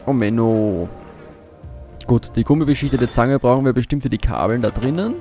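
A man's voice: medium pitch, animated, moderate pace, mellow, faint music behind. A man giving casual gameplay commentary as a let's play host, muttering to himself as he thinks aloud.

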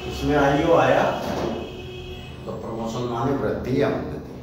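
एक पुरुष शिक्षक हिंदी में अंग्रेज़ी उच्चारण के नियम समझाता है, शब्दों को अक्षर-अक्षर करके सावधानी से बोलता है।. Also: male voice, mid-range voice. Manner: slow, careful, spells words out letter by letter. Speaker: English pronunciation teacher. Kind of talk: Hindi-medium pronunciation lesson. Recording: echoey room from a distant mic with faint background noise.

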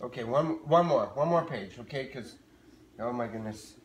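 A woman filming a casual home video, gushing with mock excitement, giggling often and playing up the joke. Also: a bass voice, normal speed, a crowd in the background. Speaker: parent vlogger. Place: home in the morning. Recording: roomy echo.

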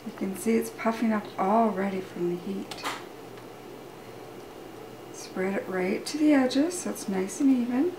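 Pausing often, a middle-aged woman with a medium-pitched voice takes a measured pace through a relaxed cooking demonstration. She's a home cook hosting her show, explaining each step in her kitchen. Loud kitchen noise fills the distant, roomy audio from a camera mic several metres away.

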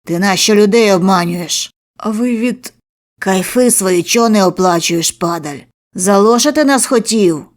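A woman voicing a brutal male debt-collector thug who shouts threats in a menacing voice. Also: on the high side, moderate pace, pitched above the performer's own voice, natural voice.

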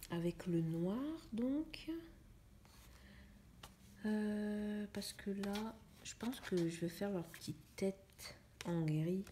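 A young woman chatting in a casual coloring vlog, musing to herself in a soft, often half-whispered voice. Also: mid-range voice, very slow, long pauses, a little hiss or hum. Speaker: vlogger. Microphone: phone camera.

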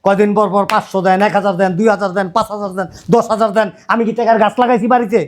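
An actor playing a loud middle-aged father-in-law who keeps berating his idle son-in-law. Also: sits high, flat delivery, racing, natural voice. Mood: furious. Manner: shouting, berating, repetitive rants.

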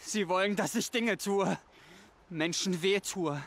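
Scared young game tribesman, way high voice, keeps repeating himself. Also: fairly bright tone. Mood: troubled. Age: young adult. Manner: pleading, halting, repeats himself. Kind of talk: video game dialogue.

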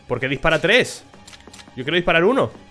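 A man's voice: fairly high pitch, sing-song, a little fast, sharp tone, faint music behind. A man from giving casual, swear-filled commentary while playing a horror game. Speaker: gamer. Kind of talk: let's play commentary.

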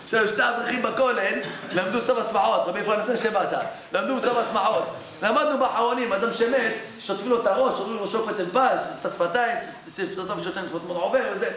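A man's voice: high-pitched, hardly any pauses, fairly bright tone, slight background noise. A man, a rabbi, giving a Torah class in a study hall, telling stories in a conversational way and often asking his listeners questions. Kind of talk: Torah lesson with anecdotes. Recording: very echoey hall.

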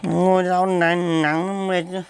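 A man's voice: high-pitched, little pitch movement, a little slow, background noise. An actor playing a drunk, belligerent husband locked out of his house, slurring and mumbling. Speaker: comic skit actor. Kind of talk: amateur comedy skit acting.

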